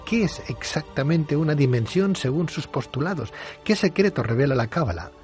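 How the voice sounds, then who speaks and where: Spain Spanish male radio host, measured and polite, faint music underneath. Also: fairly high pitch, animated, darkish tone. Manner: courteous, measured, with hesitant fillers. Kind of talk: late-night radio interview.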